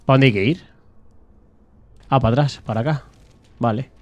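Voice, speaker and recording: A man's voice: medium pitch, normal speed, a little mellow, no echo, highs cut off. A man with an accent from Spain, a game streamer giving casual commentary as he plays.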